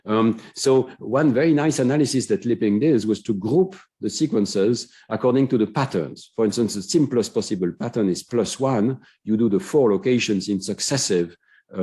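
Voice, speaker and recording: A middle-aged man delivers an academic conference lecture in a lowish, mellow and slightly husky voice. He explains research with enthusiasm, pausing often on "uh" and "um" as he walks through his points. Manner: explanatory, many "uh" fillers, enthusiastic about findings.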